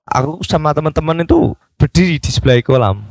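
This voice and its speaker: A man's voice: on the high side, lively intonation, a little fast, a little mellow, no echo, clean studio sound. A man in a casual chat, plainly recounting a childhood memory and laughing along with the host.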